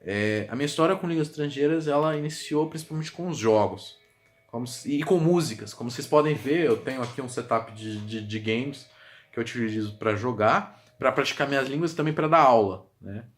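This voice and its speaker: A man's voice: medium pitch, brisk. A man who teaches languages, casually explaining words in a vlog and repeating example words aloud, with many fillers. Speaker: language teacher and video creator. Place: home room with a gaming setup. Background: music playing softly in the background.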